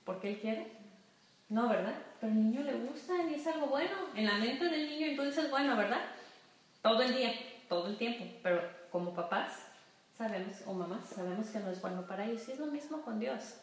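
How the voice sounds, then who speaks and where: Echoey, higher-voiced woman giving a lively church talk. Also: a little fast, recorded from a distance. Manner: lively, teasing, asks "¿sí?" often. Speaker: women's group speaker. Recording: very echoey room with faint noise.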